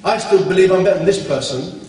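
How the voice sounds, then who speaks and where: Fast and high-pitched, with a darkish tone, a conference speaker scolds bluntly in an Islamic talk full of rhetorical questions. He's captured from far off in an echoey conference hall.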